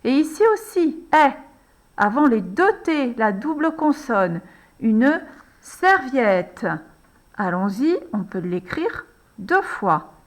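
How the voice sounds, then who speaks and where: A woman slowly and patiently guiding a young child through a handwriting lesson, one letter and one word at a time. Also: a little high, big pitch swings. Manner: patient, addresses the child as tu, frequent "alors" and "hein". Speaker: handwriting teacher.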